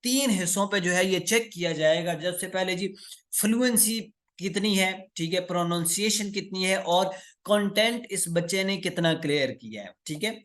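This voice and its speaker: Man, exam tutor, slow English reading, fairly high voice. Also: a bit bright. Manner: reads English slowly, explains in Urdu-Hindi with many fillers. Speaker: English test teacher. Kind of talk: lecture explaining exam tasks.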